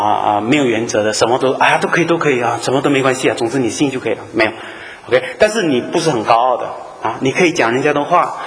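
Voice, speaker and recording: A man preaching to a congregation with a voice of middling pitch. He tells the story with animation, slips into the voices of the people in it, and leans on drawn-out fillers and quick "okay?" checks with the listeners. His voice rings with a long tail of reverb from the hall. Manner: animated storytelling, acts out dialogue, frequent "啊" fillers and tag questions. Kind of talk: sermon.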